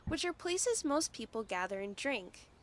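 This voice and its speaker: A woman with a high voice speaks bluntly in a casual vlog, voicing her complaints. A faint background noise runs under her voice. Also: very animated, moderate pace. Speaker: video maker being reacted to.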